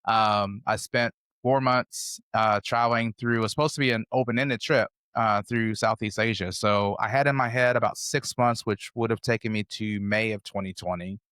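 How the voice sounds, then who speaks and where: A man's voice: on the low side, steady tone, normal speed, hardly any pauses, a bit bright, clean tone, dry recording, clean studio sound. An American man in his fifties, a podcast guest telling his travel stories in a rambling, conversational way. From United States. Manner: rambling, conversational, loosely strung anecdotes. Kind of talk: casual interview storytelling.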